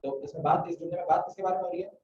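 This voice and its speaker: A man's voice: sits high, steady tone, rapid-fire, a little hiss or hum. A man teaching an Arabic grammar class, quizzing students and often checking "theek hai?". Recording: roomy, muffled classroom audio from a distant mic.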